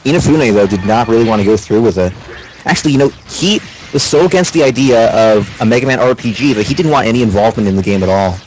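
A young man co-hosting a game livestream, chatty and opinionated, quick to laugh. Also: mid-range voice, expressive, a little mellow, slight background noise, rough recording. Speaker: livestream co-host. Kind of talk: casual game stream commentary.

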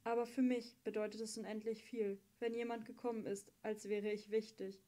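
A woman's voice: medium pitch, little pitch movement, normal speed, warm tone, close to an everyday voice. A woman reading an audiobook, voicing a weakened, chained teenage girl who talks plainly and wryly. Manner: wry and plainspoken. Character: weak, chained teenage girl singer, wry.

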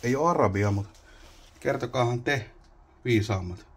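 A man with a husky, mid-range voice explores an abandoned wooden cabin in a casual vlog shot on a handheld camera. As he pokes around, he mutters to himself and wonders aloud about the old things he finds.

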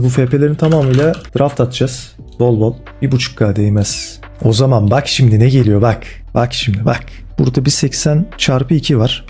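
A man commenting casually and excitedly on football game cards as a gaming video host, with slangy, chummy talk aimed at his viewers. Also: medium pitch, husky. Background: faint background music.

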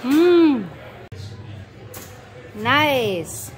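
A woman's voice: high voice, very animated, extremely slow. A woman filming a family vlog on her phone, gushing with enthusiasm about everything around her. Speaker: vlogger and mother. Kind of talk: casual family vlog narration. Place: busy pub restaurant, indoors. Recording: crowd chatter in a busy pub.

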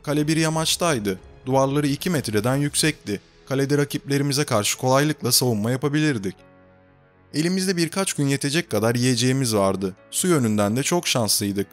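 A man reading an adventure audiobook in a slow, even storytelling manner. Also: mid-range voice, soft background music. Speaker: audiobook narrator. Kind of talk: scripted audiobook narration.

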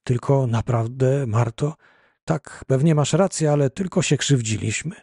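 A man's voice: medium pitch, a little slow, warm tone, husky, dry recording, clean studio sound. A man reading an audiobook, voicing a heartbroken, weary husband who begs his wife to stay. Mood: imploring. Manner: imploring, weary. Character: heartbroken ill husband, desperate.

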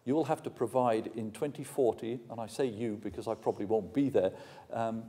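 A Welsh university lecturer in his sixties delivers a frank, plain-spoken public lecture and takes questions indoors in a large, ornate hall. His voice is lowish and warm in tone.

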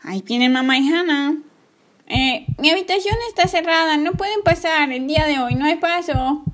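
A woman voicing Emma, a kind, secretive young girl, coaxing her pet gently in a toy story play. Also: high voice, moderate pace. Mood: hurried. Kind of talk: playing with toy figures.

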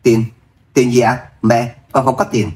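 A man voicing a dutiful young wife who pleads softly with her mother, in an audio novel reading. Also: medium pitch, level tone, a little slow, lightly acted. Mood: pleading. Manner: soft pleading. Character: gentle dutiful young wife torn between family.

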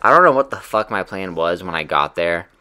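A man's voice: sits low, expressive, a little fast, pushed and bright. A young man casually telling a personal story in a loose, rambling way, full of fillers and swearing.

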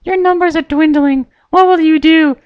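A narrator voicing Pinkie Pie, a bubbly pink pony mare with a high, squeaky, giggly sing-song voice who hides a murderous streak. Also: steady tone, moderate pace, dull audio, natural voice. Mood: creepy.

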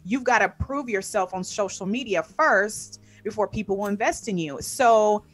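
A woman talking as a podcast guest in a relaxed, conversational way. She is upbeat and emphatic and keeps circling back to repeat her main points. Faint music plays underneath her voice. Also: mid-range voice, moderate pace. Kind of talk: casual interview chat.

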